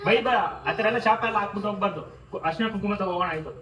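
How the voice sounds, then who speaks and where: High-pitched man pleading, off-mic in a roomy space. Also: rapid-fire, recorded from a distance. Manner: placating, keeps urging calm. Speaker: family member in prank. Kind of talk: heated family argument. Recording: roomy, off-mic, faint noise.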